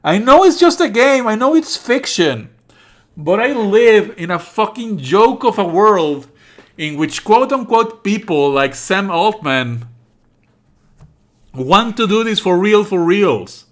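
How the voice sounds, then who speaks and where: A man with a high voice speaks slowly while streaming a visual novel, reading game text aloud and commenting live. He's exasperated and sarcastic, with animated outbursts and frequent swearing.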